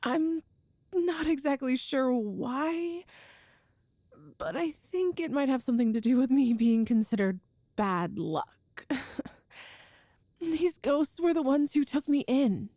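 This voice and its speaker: An actress voices a tender, nervous young girlfriend in an intimate ASMR roleplay, explaining herself in a halting, hesitant, earnest way with breathy sighs and nervous laughs, her mood earnest and pleading. Her very high voice is unhurried, expressive and mellow. It's recorded close and dry with no echo.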